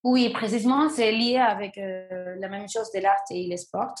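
A woman's voice: medium pitch, fairly even intonation, soft background music. Hesitant young woman. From Venezuela. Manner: halting, frequent restarts and fillers. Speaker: guest, breakdancer. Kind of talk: casual interview answers. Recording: roomy echo.

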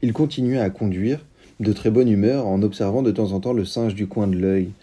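A man with a deep, dark and mellow tone reads a story aloud at a steady, measured pace. His voice has a husky grain to it. He sounds like a literary reviewer sharing a passage from a novel. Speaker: book reviewer and reader.

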